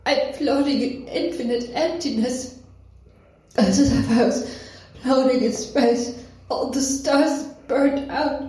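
A woman's voice: high voice, takes it slowly, dark tone. Woman playing a dreamy, detached lost soul. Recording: very echoey with faint noise.

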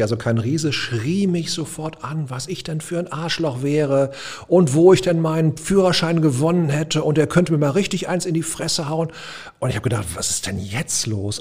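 A man's voice: on the high side, a little mellow. A middle-aged man, a de-escalation trainer, telling a personal anecdote in a colloquial, humorous podcast chat. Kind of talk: conversational podcast storytelling.

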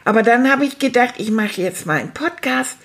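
A woman's voice: a little high, expressive, fairly quick, fairly bright tone. A woman doing sulky childlike Manni. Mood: indignant. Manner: chatty, theatrical storytelling with sound effects. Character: sulky childlike male character, easily upset. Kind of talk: comic monologue podcast.

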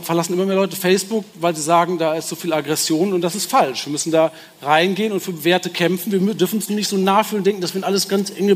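A man giving a public talk, thinking aloud and briefly acting out the voices he quotes. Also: sits high. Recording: hall reverb with faint background noise.

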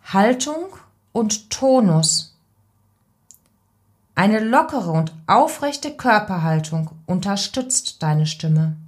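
Slow, deliberate woman voice coach. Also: medium pitch. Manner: calm, deliberate, gives direct advice. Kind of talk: instructional podcast tips.

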